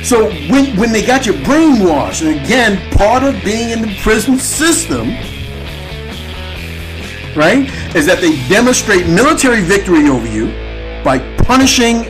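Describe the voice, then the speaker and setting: This internet radio show host rambles through an unscripted political monologue in an unhurried, sing-song voice, with music behind him and poor audio quality. His pitch sweeps widely, and he keeps repeating himself with rhetorical questions tagged with "right?".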